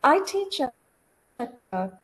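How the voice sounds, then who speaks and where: A woman giving an online lecture in a halting manner. Her voice keeps breaking up over an unstable video call, and she checks whether anyone can hear her. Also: high-pitched, very animated. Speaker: guest lecturer. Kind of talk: online webinar talk.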